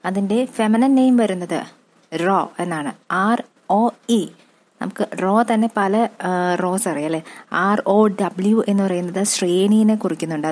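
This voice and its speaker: Female exam-prep tutor, Malayali accent, patient letter-by-letter spelling, mid pitch. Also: darkish tone. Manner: slow, spelling words out letter by letter and repeating them. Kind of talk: classroom-style lesson.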